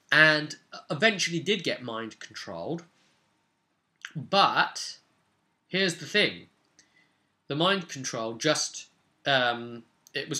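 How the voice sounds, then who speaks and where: A game master with a fairly high-pitched voice gives a casual, unscripted recap of a tabletop role-play session, chatty and animated as he tells the story.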